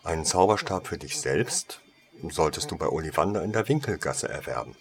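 A man voicing a female wand shop saleswoman who talks with eager, servile flattery in a storybook reading. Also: extremely low pitch, fairly quick, gravelly, full character voice.

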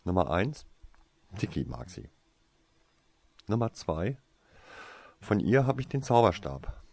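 A secretive young wizard boy who weighs his words carefully, read by a man. The voice is low and husky, and it moves slowly. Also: very animated, darkish tone, no echo, exaggerated voice. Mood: guarded. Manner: hesitant, guarded.

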